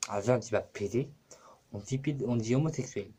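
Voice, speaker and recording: A male YouTuber chats casually to the camera for his own channel, rambling, swearing, and using lots of fillers. His mid-pitched voice is fast and mellow, with a faint hiss or hum in the recording.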